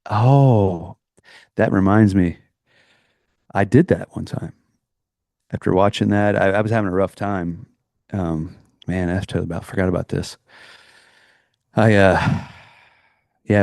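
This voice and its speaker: A middle-aged man co-hosting a podcast tells a personal story in casual chat, rambling earnestly and restarting often. His low voice is unhurried and slightly mellow, with vocal fry and frequent pauses, in a dry, studio-quality recording.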